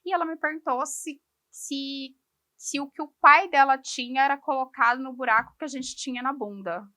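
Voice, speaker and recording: A Brazilian woman with a high, bright voice tells a story in casual podcast talk, acting out each person's lines. She laughs often. The sound is dry and close. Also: normal speed, dry recording. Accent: Brazilian Portuguese. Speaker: podcast guest. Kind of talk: casual chat.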